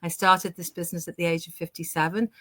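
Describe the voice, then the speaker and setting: A woman's voice: fairly low pitch, little pitch movement, fast, sharp tone, a little hiss or hum. A woman in her sixties from the UK hosting a live online panel discussion, upbeat and enthusiastic. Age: 60s. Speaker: host.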